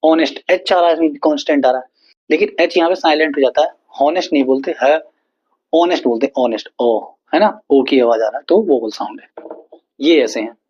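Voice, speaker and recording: A man teaching an English grammar lesson, explaining slowly and repeating words with frequent checks. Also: on the high side, a little mellow, breathy edge. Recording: dull lo-fi recording.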